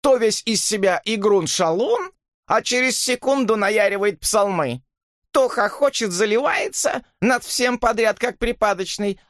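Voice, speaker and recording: A coarse older landlady, as a male narrator puts her on, screeches abuse in a piercing, high voice that swoops wildly. It's an audiobook reading with a dry, close sound. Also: fairly bright tone, no room sound, full character voice. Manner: shrieking, scolding, crude insults. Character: shrill coarse older woman landlady, furious.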